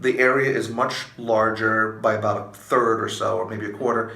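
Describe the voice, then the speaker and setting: A man hosting a casual board game review, easygoing and chatty, often jumping in with quick agreement. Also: lowish voice, level tone, gravelly, bright, forceful tone. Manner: easygoing, talks over others, frequent yeahs. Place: room in Minnesota. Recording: echoey room.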